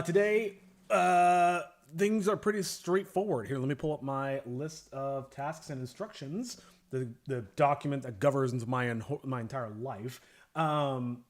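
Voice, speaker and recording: A man hosting a casual livestream about his animation work, rambling and joking with many fillers. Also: mid-range voice. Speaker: animator streamer.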